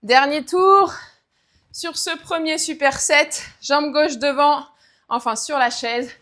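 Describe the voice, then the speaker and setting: Lady fitness coach counting reps, slow steady talk, high voice. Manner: counts reps and cues form while exercising. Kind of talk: guided workout instruction.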